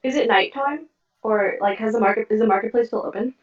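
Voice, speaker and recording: A woman's voice: a little high, fast, soft background music. A woman playing in a tabletop game over a voice call, easygoing and playful. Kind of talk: casual in-character play talk. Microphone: online voice call. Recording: roomy, distant, lo-fi call audio.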